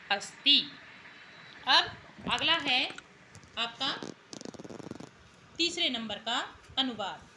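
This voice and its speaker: A woman's voice: high-pitched, pushed and bright, a little hiss or hum, rough recording. A woman teacher working patiently through Sanskrit exercises, often asking questions back to her students. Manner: patient, repeats and asks questions to the class. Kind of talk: explaining worksheet answers to students.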